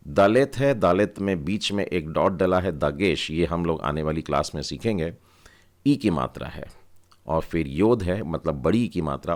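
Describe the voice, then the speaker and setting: A man teaching Hebrew vowel signs in a patient, step-by-step way, asking learners to read along. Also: deep voice.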